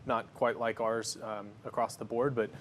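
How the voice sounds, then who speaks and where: A man's voice: mid-range voice, moderate pace, a little hiss or hum. Confident man talking through a cooking demo. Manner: confident, energetic, explains as he works. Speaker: company founder guest. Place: studio kitchen.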